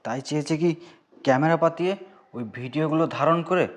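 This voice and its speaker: A man's voice: fairly high pitch, fast talker, natural voice. An actor playing a scheming young man who plants a hidden camera out of revenge, speaking with brazen, taunting boldness.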